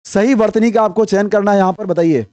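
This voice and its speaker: A man's voice: high voice, steady tone, a little fast, mellow, no echo. A young man teaching an online exam-prep lesson, explaining step by step, repeating each answer and quizzing his viewers.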